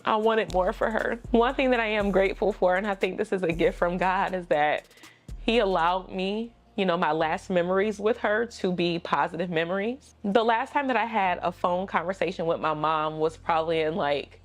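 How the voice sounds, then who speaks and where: A woman's voice: lowish voice, moderate pace, soft background music. A woman vlogger telling a personal story, candid and emotional, chatty with slang asides.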